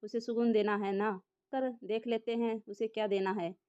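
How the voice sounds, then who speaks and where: Audio-story grandma, stern but comforting, read by a woman, mellow tone, dull lo-fi sound. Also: a little high, little pitch movement, normal speed, smooth, lightly acted. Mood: cheerful. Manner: commanding, scolding. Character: elderly grandmother, firm and reassuring.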